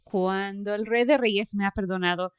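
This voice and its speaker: A woman hosting a faith podcast, telling a story in a lively way with frequent fillers and laughs. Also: mid-range voice, moderate pace, smooth. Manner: animated storytelling, laughs often, many fillers. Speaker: podcast host. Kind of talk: casual faith conversation.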